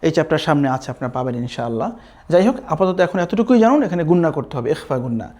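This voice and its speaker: A man's voice: on the high side, animated, fast talker, a little mellow. A man with a Bangladeshi Bengali accent teaching Quran recitation, patiently repeating sounds and checking in with his students. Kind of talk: recitation lesson with chanted examples.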